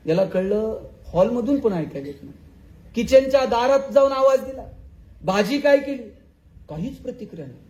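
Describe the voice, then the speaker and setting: A man giving a motivational speech, telling humorous anecdotes and reciting verses in a slow chant. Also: very high-pitched, expressive, darkish tone, highs cut off. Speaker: motivational speaker.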